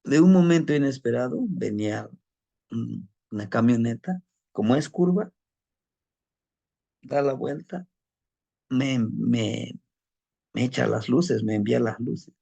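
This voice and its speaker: A man recounts a personal story in a loose, chatty way. His voice is gravelly and husky, with a dark, mellow tone, and he keeps checking in with the listener and stumbling over repeated words. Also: mid-range voice, slow, pauses often, highs cut off. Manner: conversational, frequent tag questions, repeats words while searching. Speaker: storyteller of spirit lore. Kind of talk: casual personal anecdote.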